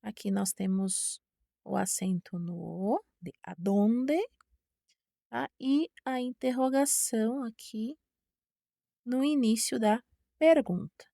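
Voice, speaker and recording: A Brazilian woman explains a Spanish lesson at an unhurried pace, with a gravelly edge in her mellow voice. She is patient and checks in with her students after every point. The sound is dry and close. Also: a little high, no echo. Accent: Brazilian Portuguese. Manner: patient, repeats words slowly, checks with "tá?". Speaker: Spanish teacher. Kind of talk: online language lesson.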